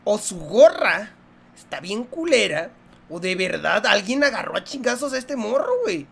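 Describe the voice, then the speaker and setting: A young man with a Mexican accent, commenting on a horror game in a joking, profane, excitable way. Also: sits high, moderate pace, gravelly, breathy edge. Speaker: gaming youtuber.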